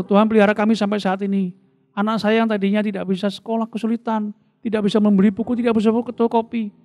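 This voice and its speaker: A middle-aged man, giving an emotional personal testimony, his voice swinging from hushed to loud. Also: high voice. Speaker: testimony speaker. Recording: soft guitar music underneath.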